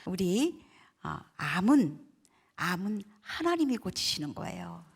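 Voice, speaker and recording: A woman's voice: medium pitch, sing-song, a little slow, breathy edge. A woman in her sixties, a pastor's wife, giving a church testimony in a conversational storytelling way, asking the audience questions and acting out the voices of people in her story. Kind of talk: testimony at a prayer meeting.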